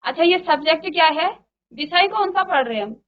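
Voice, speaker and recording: A woman teacher leads a virtual classroom lesson in a high voice, going through the material step by step. She stops to put questions to her students. The recording sounds dull and lo-fi. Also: lively intonation, fairly quick. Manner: explains step by step and quizzes students.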